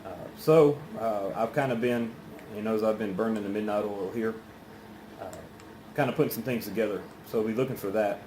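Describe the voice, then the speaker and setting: A man chatting casually through a solo review in an unhurried, halting, rambling way, with pauses. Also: fairly low pitch, a little mellow. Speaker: pipe tobacco reviewer. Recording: roomy echo, faint background noise.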